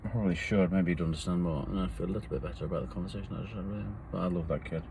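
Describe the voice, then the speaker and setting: A man's voice: sits low, rapid-fire, mellow, slight background noise. A man, talking to himself in a meandering, reflective solo monologue that often trails off. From England. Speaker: vlogger.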